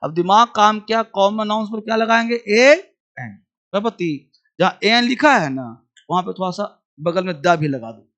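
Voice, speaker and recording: A man teaching a basic grammar class, quizzing students and slowly repeating phrases for them to write down. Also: sits high, a bit bright. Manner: questions the class and answers himself.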